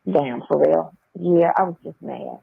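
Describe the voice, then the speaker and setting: Over a tinny, band-limited jail phone line, a woman chats casually and bluntly, repeating phrases for emphasis. Her voice is low, gravelly and husky, a little slow, and the recording is dry.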